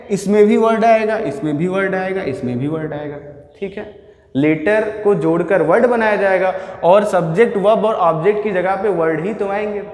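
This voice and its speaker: Higher-voiced male teacher in an echoey hall. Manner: asks questions and answers them himself; keeps checking in with the class. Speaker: English grammar teacher. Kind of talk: classroom lecture. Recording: echoey hall with long reverb.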